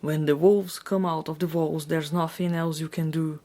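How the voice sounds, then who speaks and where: A woman's voice: sits low, fairly even intonation, moderate pace, mellow. A woman voicing a blustering, alarmed storybook father with hammy stage delivery. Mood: resigned.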